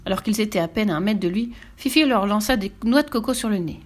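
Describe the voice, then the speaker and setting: Brief: woman storyteller, steady, even, mid-pitched, children's book reading. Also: fast talker. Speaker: narrator.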